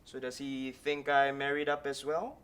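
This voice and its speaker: An actor playing a bitter, sarcastic husband in a stage play, speaking with biting mockery. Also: male voice, mid-range voice, level tone, normal speed, a bit bright, natural voice. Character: bitter husband in mixed marriage, sardonic. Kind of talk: stage acting.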